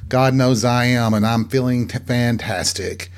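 A man of middle pitch hosts his own show, talking on his own in a chatty, campy way. He breaks off into cheeky self-mocking asides as he goes. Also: fairly even intonation, a little slow, smooth. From American South. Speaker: podcast host. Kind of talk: solo comedic monologue.

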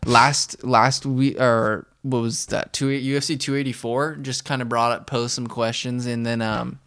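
A man's voice: medium pitch, little pitch movement, unhurried, fairly bright tone, clear, resonant tone, no echo, clean studio sound. A young man hosting a podcast in casual chat, rambling and laughing often. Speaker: podcast host.

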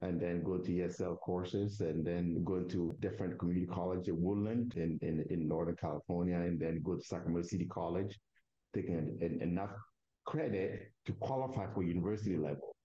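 A man's voice: low voice, a little fast, warm tone, breathy edge, dull audio. A man from Togo with a Togolese accent, a native Kabiye speaker, telling his story conversationally as an interview guest and often restarting his phrases.

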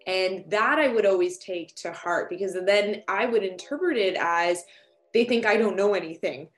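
A woman dentist as a panel guest, earnest, speaking in quick bursts. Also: mid-range voice, faint music behind. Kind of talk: casual panel chat.

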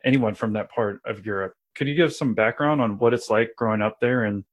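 A man interviewing a guest, asking curious, quick questions. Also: lowish voice.

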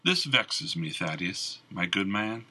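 A man voicing a noble, brooding knight who speaks in formal, measured sentences, in an audiobook. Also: low-pitched, big pitch swings, sharp tone, husky, exaggerated voice, low-quality recording. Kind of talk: audiobook character reading.

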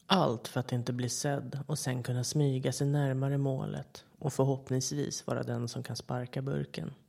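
Gravelly, measured horror storyteller. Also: medium pitch. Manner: calm, measured storytelling with short quoted voices. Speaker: podcast storyteller. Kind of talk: scripted horror narration.

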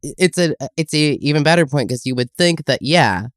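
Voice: mid-range voice, expressive, brisk, no room sound. Rambling co-host, dry close sound. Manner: rambling, hedging with many fillers. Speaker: podcast co-host. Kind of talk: casual chat.

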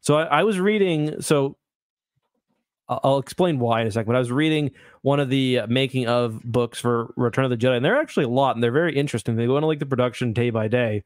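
A man talks casually as a podcast co-host, working through a long explanation with restarts and asides. His voice sits in a middle pitch. The sound is dry and close to the microphone. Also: quick pace, no echo. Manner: rambling, self-correcting explanations. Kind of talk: casual chat.

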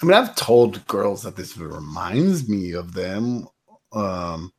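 A man with a low voice chats casually among friends. He rambles and hesitates, stacking up fillers and restarts while he works through a memory. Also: sing-song, slow pace, slightly rough. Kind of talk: casual chat.

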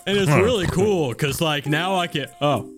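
A man talking excitedly as his character in a tabletop game. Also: fairly high pitch, normal speed, soft background music. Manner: excited, animated. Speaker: player.

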